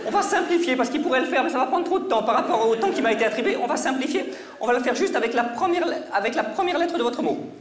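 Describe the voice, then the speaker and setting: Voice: sits high, lively intonation, very fast. Teasing stage mentalist in an echoey hall. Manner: teasing, mock-serious patter. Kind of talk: live comedy mind-reading routine with audience volunteers. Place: stage before a live audience. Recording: echoey hall with faint crowd.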